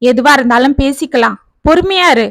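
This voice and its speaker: Woman doing caring elder sister type, high, close dry read. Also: brisk, a bit bright, no room sound. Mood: soothing. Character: caring, bustling office-working older sister.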